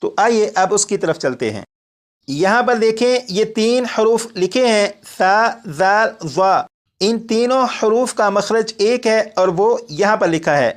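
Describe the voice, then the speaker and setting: A man teaching Quran recitation as a classroom lesson, patiently repeating each point and sounding out letters slowly. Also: high voice, animated.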